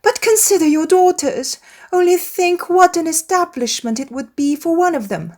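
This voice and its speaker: Woman acting nervous middle-aged wife, high-pitched, swooping intonation, exclamatory, nagging, period audiobook drama. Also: animated, normal speed, darkish tone. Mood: pleading. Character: fussy, excitable middle-aged English gentlewoman, nervous and nagging.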